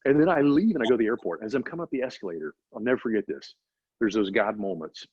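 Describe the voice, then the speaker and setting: Husky-voiced man telling stories. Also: lowish voice, quick pace, no room sound. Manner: animated, faith-driven storytelling with frequent "right?". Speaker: interview guest. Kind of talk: casual storytelling interview. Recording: dry, slightly dull recording.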